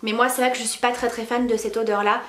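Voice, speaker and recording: A woman talks through beauty products in a casual, chatty way, filling pauses and restarting phrases as she goes. Her voice sits a little high and carries the echo of a bare room. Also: little pitch movement, a bit bright. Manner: chatty, many fillers and restarts. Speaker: beauty vlogger.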